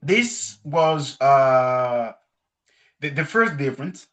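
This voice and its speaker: In a mid-range voice, drawing out his words, a Congolese guest chats informally with a class about language learning. He speaks English as a second language. He's animated and expressive and often breaks into laughter.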